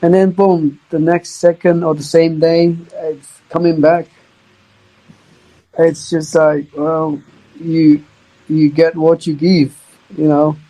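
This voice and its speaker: Speaking as a podcast guest, a young Chinese man who is a native Chinese speaker tells casual stories in a halting way, with repeated words, restarts, and non-native grammar. His soft, mellow voice sits slightly high with little pitch movement, and the audio is poor.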